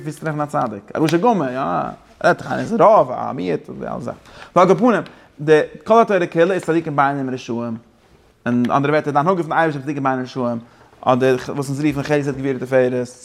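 A man's voice: mid-range voice, creaky. A man teaching a Torah class, switching between English phrases and his main language, with frequent restarts.

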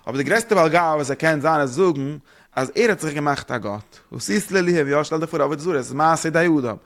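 A man giving a spoken religious lesson, rambling quickly and posing rhetorical questions to his listeners. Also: on the high side, expressive, a bit bright. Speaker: religious teacher.

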